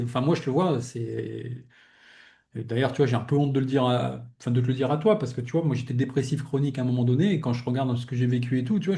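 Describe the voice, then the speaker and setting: A young adult man hosts a casual heartfelt conversation, his voice mellow and warm at a middling pitch. He muses out loud in a loose, rambling way, circling back and restarting his thoughts. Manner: reflective, rambling, fills with "tu vois". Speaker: podcast host interviewing a guest.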